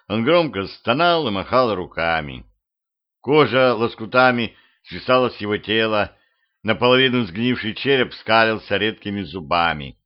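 A man reading a humorous first-person audiobook in a dry, deadpan manner. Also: fairly low pitch. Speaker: audiobook narrator. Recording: muffled lo-fi home recording.

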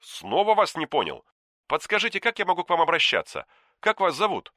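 A man's voice: a little high, huge pitch swings, fairly quick, pushed and bright, no room sound, studio quality, voice pushed up, exaggerated voice. A man voicing a realtor on the phone, who talks in a polite, rehearsed and evasive way. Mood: formal.

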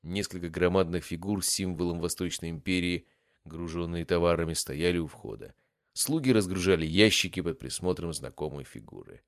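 Deep-voiced man narrating an audiobook. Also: moderate pace, no room sound, studio quality. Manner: expressive storytelling. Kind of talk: first-person scripted fantasy narration.

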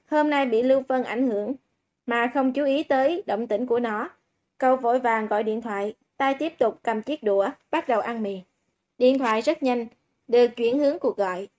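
A woman with a high voice narrates a novel in a steady, even way. The sound is dull and lo-fi, as if the treble has been cut. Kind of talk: audiobook narration. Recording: dull lo-fi recording.

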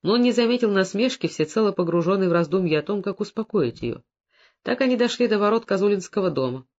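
A narrator reads a novel aloud in a steady, even storytelling manner. The recording is dull and lo-fi, with a medium-pitched voice. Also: fast. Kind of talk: scripted audiobook narration.

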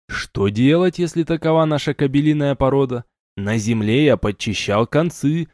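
A man's voice: medium pitch, a little mellow, no room sound, studio quality. A man narrating a fantasy audiobook in the first person, with a wry, ironic tone.

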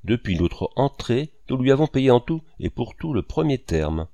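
A man's voice: medium pitch, big pitch swings, moderate pace, warm tone, no echo, highs cut off, voice pushed up. A man voicing a boastful, exuberant male painter who talks grandly and at length. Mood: jovial. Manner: grandiose, voluble.

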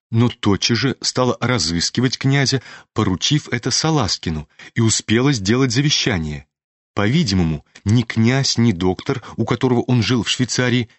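A man narrating a classic novel as an audiobook, reading in a steady, even-paced way into a studio microphone. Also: medium pitch, no room sound.

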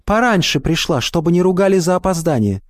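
A shy young woman job applicant, answering quietly in short, hesitant replies in a raised voice, as a male reader puts her on. The sound is dry and close, with no room around it. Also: high-pitched, lively intonation, a little fast, dry recording, voice pushed up. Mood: timid.

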